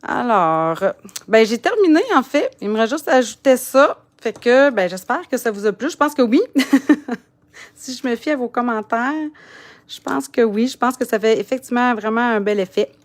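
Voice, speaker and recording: A woman's voice: fairly high pitch, expressive, normal speed. A woman with a Quebec French accent giving a casual crafting tutorial, chatting and muttering to herself as she works. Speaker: papercraft demonstrator.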